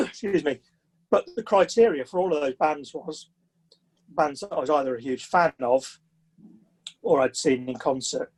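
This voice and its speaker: In a rough recording, a sixty-year-old southern English man with a matching accent tells anecdotes while being interviewed on a podcast. His voice sits on the high side, husky and darkish in tone, as he chats conversationally.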